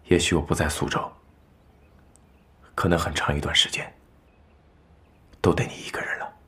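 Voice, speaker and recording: A young actor playing a calm, reserved young nobleman who speaks in a steady, measured way in a period TV drama. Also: very deep voice. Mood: serious. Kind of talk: dubbed TV drama dialogue.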